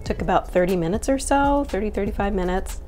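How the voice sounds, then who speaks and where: Woman chef, home kitchen, casual cooking demo, chatty, bouncy up-and-down pitch, faint music underneath. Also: animated, fast, warm tone. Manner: chatty, upbeat, explains each step. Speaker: chef and recipe reviewer.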